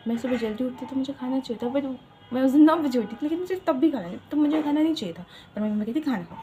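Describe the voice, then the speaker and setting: A woman's voice: sits high, expressive, fast, dark tone, highs cut off, soft background music. A young woman from Uttarakhand chatting casually to her channel, switching between Hindi and English with dramatic asides. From Uttarakhand, India. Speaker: vlogger.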